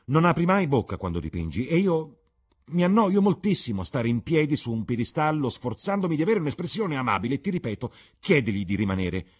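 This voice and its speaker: A man's voice: low-pitched, animated, fairly quick, gravelly, dark tone, husky, exaggerated voice. A man doing a petulant young dandy.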